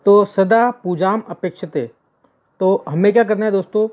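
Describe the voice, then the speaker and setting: A woman's voice: mid-range voice, moderate pace, darkish tone. A woman teacher explaining a textbook lesson, going through words one by one, repeating herself and correcting her slips. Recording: dull lo-fi recording.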